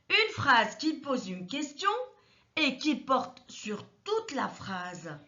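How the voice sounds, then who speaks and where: A woman teaching a grammar lesson, explaining each example slowly and methodically and repeating the key points. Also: high-pitched, bright, forceful tone, dull audio. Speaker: French teacher.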